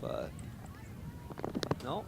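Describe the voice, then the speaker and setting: A man giving relaxed live commentary on a track race. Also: drawn-out words. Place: outdoors at a track meet. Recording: loud outdoor ambient noise.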